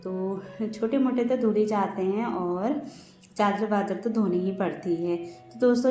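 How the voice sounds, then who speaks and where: A woman who vlogs as a mother narrates her daily routine in a casual, chatty voice-over, often addressing viewers like friends. Her voice is mid-range and warm, with a roomy echo and faint background music.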